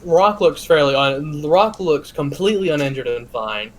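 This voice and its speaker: A man's voice: fairly high pitch, lively intonation, normal speed, low-quality recording. Man narrating a tabletop game, profane. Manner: loose, profane, trails off and restarts. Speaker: game master.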